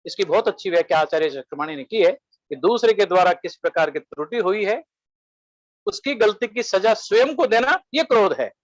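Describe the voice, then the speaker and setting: High-voiced man giving a dry webinar lecture. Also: lively intonation, no room sound, muffled recording. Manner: measured, listing points one by one, quoting Sanskrit verses.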